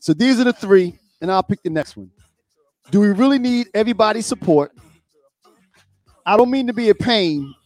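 A man co-hosting a casual talk show, speaking in halting bursts and often repeating and restarting his words. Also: sits high, a little mellow, no room sound. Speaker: co-host.

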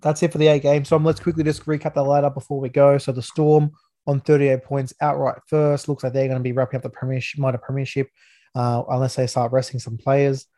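A man's voice: mid-range voice, level tone, brisk, warm tone. An Australian man hosting a casual sports review podcast, talking like a laid-back, matey everyday bloke. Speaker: podcast host.

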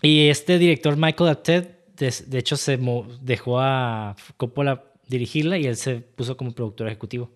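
A man with a Mexican Spanish accent chatting casually about movies on a podcast, relaxed and slangy as he recounts film trivia. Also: mid-range voice, moderate pace, hardly any pauses.

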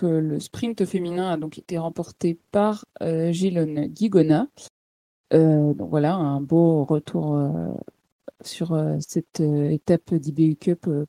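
A woman co-host talks through sports results in a warm, mellow voice that sits a little low. She hesitates often and fills gaps with fillers. Her sound is close and dry. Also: no echo. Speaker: podcast co-host. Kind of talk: casual sports chat.

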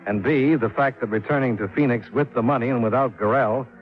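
A male lead in a 1950s radio detective serial speaks and narrates in the first person as a wry, self-reliant freelance insurance investigator, cool and shrewd. His mid-range voice moves a little fast with light acting, clipped, dry and matter-of-fact in the hard-boiled style, heard through a muffled recording with music.

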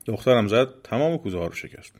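Low-voiced man telling a folk tale. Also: expressive, darkish tone. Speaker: storyteller.

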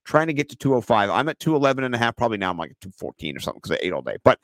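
Excitable laughing man co-hosting a podcast. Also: medium pitch, rapid-fire, dry recording. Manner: laughs often, animated and excitable when amused. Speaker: podcast co-host. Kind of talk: casual chat.

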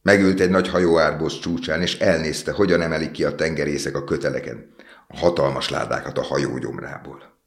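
A man reading a fairy tale aloud in a calm, measured storytelling manner. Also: very deep voice.

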